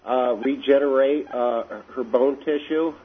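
A man calling in to a radio show, speaking hesitantly with many pauses and fillers. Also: mid-range voice, steady tone, breathy edge. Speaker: caller. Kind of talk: phone-in call. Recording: tinny phone line with faint noise.

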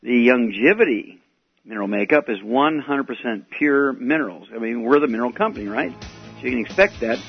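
A man hosting a call-in health advice radio show, talking in an unhurried way with many "uh" fillers, taped off the radio. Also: mid-range voice, expressive, vocal fry, breathy edge. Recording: dull lo-fi radio tape with faint music.

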